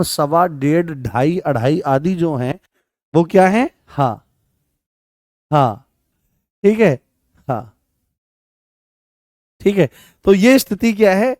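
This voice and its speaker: A man's voice: on the high side, darkish tone, no room sound, studio quality. A man teaching a Hindi grammar class, repeating phrases, correcting himself and asking questions he then answers. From Rajasthan. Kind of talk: online exam-prep class.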